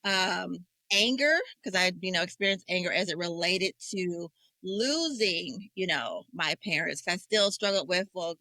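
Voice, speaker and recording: Bright-voiced emotional woman host. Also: on the low side, expressive, a little slow, no room sound, rough recording. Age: 40s. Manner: emotional, searching and candid, with frequent fillers. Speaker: podcast host. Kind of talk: faith-based conversation about grief.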